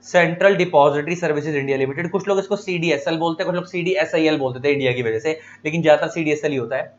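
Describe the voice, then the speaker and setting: A man's voice: on the high side, highs cut off. A man teaching an exam-prep lecture, asking questions and answering them himself, repeating key terms.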